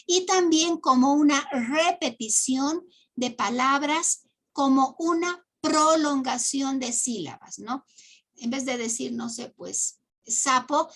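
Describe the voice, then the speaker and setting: A woman's voice: high voice, takes it slowly, fairly bright tone. A woman teacher giving an online class lecture, explaining step by step with many "eh" fillers and "¿no?" tag questions.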